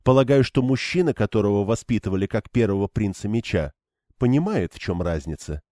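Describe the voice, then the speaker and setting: A man's voice: lowish voice, lively intonation, fairly quick, mellow, no room sound, studio quality, close to an everyday voice. Man voicing a stern young woman leader. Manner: cold, clipped and firm.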